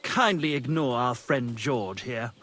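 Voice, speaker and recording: A man's voice: medium pitch, animated, unhurried, sharp tone, soft background music. An actor playing a pompous, lovesick male troubadour poet in a video game, theatrical and scornful of anyone he thinks a boor. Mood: lofty. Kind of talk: video game cutscene acting.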